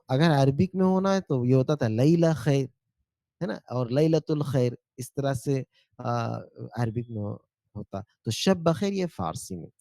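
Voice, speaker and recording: Man teaching a lively language lesson. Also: medium pitch, no room sound. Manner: explains patiently, repeats words slowly, asks checking questions. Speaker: Arabic teacher.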